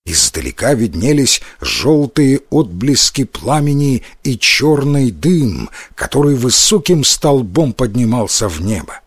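Male storybook narrator, animated delivery, dry close recording. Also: mid-range voice, a little slow, few pauses, slightly rough, dry recording. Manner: expressive storytelling with voiced characters. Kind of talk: storybook reading.

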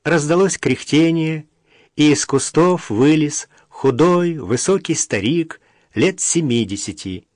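A man narrating an audiobook in a steady, even storytelling manner. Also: on the high side, slow, no echo, clean studio sound.

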